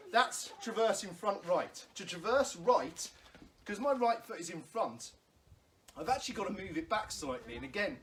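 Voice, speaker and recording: Stage combat instructor, patient and reassuring, talks through drills step by step, mid-range voice, home room, faint background noise. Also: mid-range voice. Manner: patient, reassuring, explains step by step with light laughs. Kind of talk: instructional class, calling out drills. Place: room at home during lockdown. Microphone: camera in front of a standing speaker.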